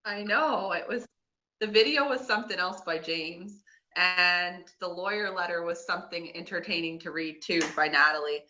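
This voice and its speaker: A woman's voice: fairly low pitch, moderate pace, sharp tone, highs cut off. A woman with a Nova Scotian Canadian accent co-hosting a podcast, chatting casually in a rambling, gossipy recap. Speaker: podcast co-host.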